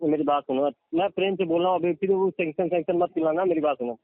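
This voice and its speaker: A man's voice: fairly high pitch, quick pace, no echo. Insistent man on a tinny phone line. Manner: insistent, repeats 'listen to me'. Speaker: bank loan officer. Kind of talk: heated phone argument.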